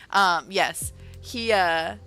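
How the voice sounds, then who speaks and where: An author and livestreamer chats casually on a livestream in a bright, pushed, mid-range voice. She rambles with lots of fillers, correcting herself as she goes.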